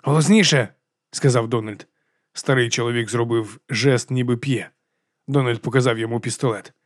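A man narrating an audiobook in steady, measured scripted storytelling. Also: mid-range voice, dry recording, studio quality.

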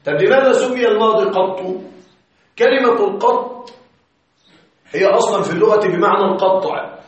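A man's voice: high-pitched, normal speed. Man lecturing in a very echoey room. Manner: explains step by step, often checks students follow. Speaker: Arabic grammar teacher. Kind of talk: classroom lecture. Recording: echoey, distant, slightly muffled classroom recording.

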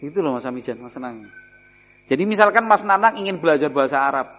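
A man's voice: fairly high pitch, lively intonation, fast talker, a little hiss or hum. A man teaching an Islamic study lesson, explaining Arabic words and asking his listeners questions. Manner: explains Arabic terms, asks the audience questions; sprinkles in Javanese. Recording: dull recording in a hall.

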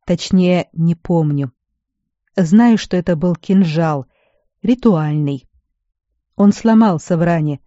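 A woman's voice: on the low side, slow, pauses often, dark tone, no echo. A reader voicing a young woman, a former battle mage, who is bedridden and speaks weakly with remorse and bitterness. The recording is dull and dry. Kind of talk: audiobook character voice.

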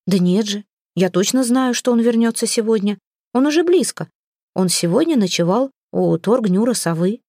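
A woman's voice: medium pitch, animated, moderate pace, darkish tone, no echo, clean studio sound. A woman voicing an anxious, bewildered young daughter in a read-aloud story. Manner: fretful, pleading.

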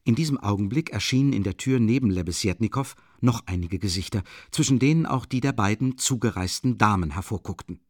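A man narrating a classic novel as an audiobook reader, in measured, expressive storytelling. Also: lowish voice, dry recording, studio quality. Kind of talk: scripted literary narration.

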